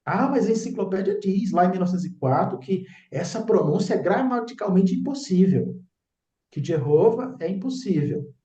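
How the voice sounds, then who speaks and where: A man's voice: high-pitched, expressive, normal speed, dark tone. A man explains slides as a religious teacher, insistent and often checking in with the listener. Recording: echoey room, dull lo-fi sound.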